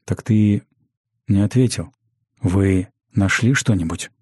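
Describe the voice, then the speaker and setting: A man reading an aging mage teacher who speaks in a dry, curt, hoarse way. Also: lowish voice, slow pace, mellow, no room sound.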